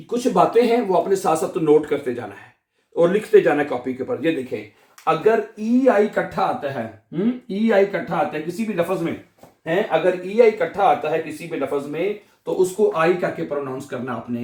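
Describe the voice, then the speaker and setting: A man's voice: on the high side, a little mellow. A man teaching a pronunciation lesson, patiently repeating each word and checking that students follow. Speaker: language teacher. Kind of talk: classroom lesson explaining pronunciation. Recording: echoey room.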